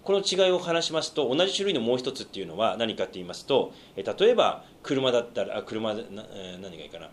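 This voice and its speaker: A man's voice: fairly low pitch, sing-song, quick pace, hardly any pauses, a little hiss or hum. A pastor teaching a Bible study, explaining step by step with hesitant fillers and questions put to his listeners.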